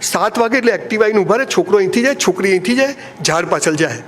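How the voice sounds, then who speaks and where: A man with a Gujarati accent delivers a motivational talk to a live audience in a hall. His voice sits high, and his delivery is lively and joking. A faint background noise runs under the recording. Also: racing. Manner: animated, joking, acts out lovers' lines in playful voices. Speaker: motivational speaker.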